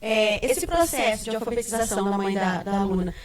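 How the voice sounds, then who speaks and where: A woman's voice: medium pitch, expressive, brisk. Woman moderator asking questions, heavy echo, far from the mic. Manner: asks questions, reads out quotes. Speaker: talk show moderator. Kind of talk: moderating a panel talk. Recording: very echoey room, far from mic.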